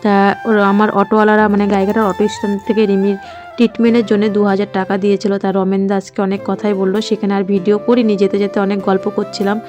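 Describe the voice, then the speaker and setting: A woman's voice: medium pitch, level tone, fast, music in the background. A middle-aged woman, a mother chatting casually in her vlog, rambling and heartfelt with many fillers. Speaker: mother and vlogger.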